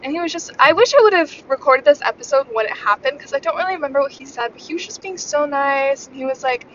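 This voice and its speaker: Young woman podcast host, bright slightly high voice, rambling wry chatter, muffled car recording with faint road rumble. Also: animated, fast talker. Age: young adult. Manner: rambling, filler-heavy, wry storytelling. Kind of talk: casual chat. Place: in a moving car. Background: faint vehicle rumble.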